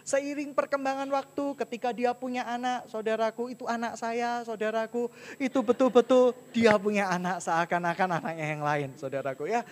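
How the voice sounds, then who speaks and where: A man's voice: extremely high pitch, steady tone, normal speed, in a large hall. A married man preaching a humorous sermon, poking fun at himself and constantly calling the audience his brothers and sisters. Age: adult, married. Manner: keeps addressing listeners as "saudaraku"; playful, jokes about himself.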